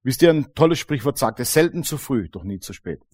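A man preaching a sermon to a congregation, lively and colloquial, acting out little dialogues and often calling out "Amen". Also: medium pitch, fast, breathy edge. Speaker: pastor. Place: church congregation.

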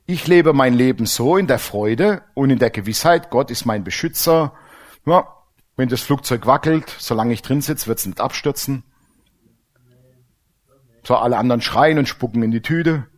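Middle-aged male pastor, animated sermon delivery, acts out conversations. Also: medium pitch. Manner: lively preaching, acts out dialogues.

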